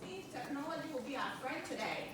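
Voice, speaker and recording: Brisk and upbeat, a woman with a Ghanaian accent and a high voice hosts a small stress-relief workshop, laughing a lot and drawing people in by asking them questions. The recording picks her up from far away in a very echoey space, over continuous background noise.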